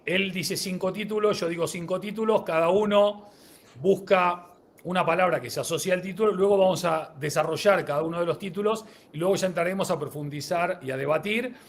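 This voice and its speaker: A man co-hosting a live-streamed podcast, greeting viewers and running a word-association game. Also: high voice. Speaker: podcast co-host.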